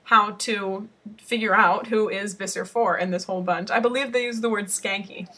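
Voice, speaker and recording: Woman, podcast co-host, bright tone, casual book chat, thinks aloud. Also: mid-range voice, fairly even intonation, normal speed. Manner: chatty, thinks aloud with fillers.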